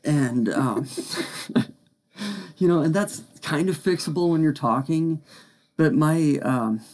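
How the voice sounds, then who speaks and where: A man's voice: on the high side, expressive, slow pace, a little mellow. A man hosting a casual podcast chat, chatty and self-deprecating, often laughing at himself. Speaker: podcast host.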